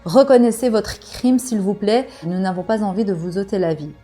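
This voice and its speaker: A woman reads out stern guards addressing a deposed king with cold, formal courtesy. She reads in her own voice, a touch quieter than her usual talk, with faint music behind. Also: medium pitch, normal speed, natural voice. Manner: formal, read aloud from a comic. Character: stern palace guards, coldly polite.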